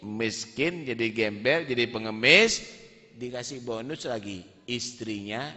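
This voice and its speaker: A man's voice: mid-range voice, animated, a little slow, bright, forceful tone. A male preacher telling a sermon story in a dramatic, emphatic way. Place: large hall at a religious gathering. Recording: reverberant hall.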